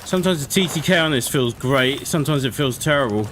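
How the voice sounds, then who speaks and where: A man's voice: mid-range voice, fast, a bit bright, rough recording. A man giving casual live commentary as he plays a shooter game. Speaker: video game streamer. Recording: game noise behind the voice. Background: shooter game sound effects.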